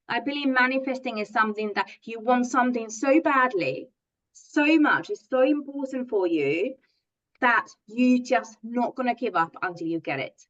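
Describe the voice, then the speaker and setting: A woman's voice: on the high side, lo-fi sound. A middle-aged woman from Finland, a native Finnish speaker, giving an online coaching masterclass in an earnest, enthusiastic way, with many fillers and restarts. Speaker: positive psychology coach.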